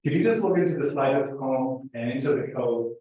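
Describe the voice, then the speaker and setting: A middle-aged Palestinian man from Gaza, with a Palestinian Arabic accent and a medium-pitched, expressive voice, gives an informal academic talk as an invited professor. His delivery is halting and conversational, and he keeps checking in with "right?" and "like." The recording is from an indoor lecture room that is very echoey, picked up by a distant, muffled mic.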